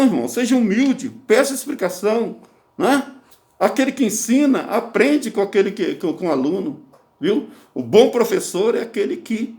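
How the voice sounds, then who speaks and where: A man's voice: a little high, darkish tone. A Brazilian man teaching as a pastor on a livestream, exhorting listeners with frequent check-in questions, his voice slightly muffled by a face mask. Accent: Brazilian Portuguese. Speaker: pastor teaching a course for church leaders. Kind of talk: informal sermon-like teaching on a livestream. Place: his office, indoors.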